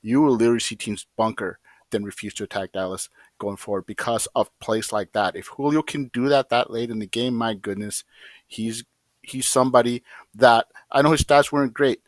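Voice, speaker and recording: A man's voice: mid-range voice, moderate pace, dry recording. A man co-hosting a casual soccer talk show, emphatic and repeating his points. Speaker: co-host.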